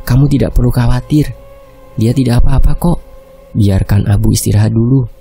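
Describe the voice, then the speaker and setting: A man voicing a patient male doctor who talks softly and soothingly to a child. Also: mid-range voice, moderate pace, vocal fry, soft background music, natural voice. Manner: soft, soothing.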